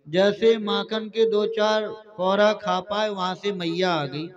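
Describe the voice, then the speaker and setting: High-voiced Bundeli katha preacher. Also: male voice, fairly even intonation, slow, dull audio. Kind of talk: devotional storytelling.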